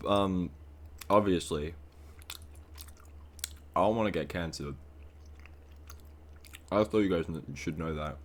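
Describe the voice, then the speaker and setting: A man with a low voice gives casual reaction commentary on a song. He rambles, piling up fillers and false starts. His tone stays relaxed and conversational. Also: slow pace, pauses often. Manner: rambling, with many fillers and restarts. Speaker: music reaction streamer.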